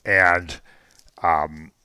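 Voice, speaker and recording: A man's voice: sits low, flat delivery, very slow, pushed and bright, clean tone, dry recording, clean studio sound. A man teaching an informal Bible class, talking conversationally with frequent ums and jokey asides to the class.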